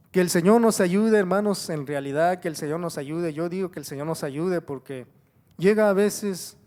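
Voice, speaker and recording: Man, middle-aged, church sermon, slightly high voice, repetitive exhortation, rhetorical questions. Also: darkish tone. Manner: repetitive exhortation with frequent "gloria a Dios"; addresses congregation as brothers, rhetorical questions. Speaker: preacher.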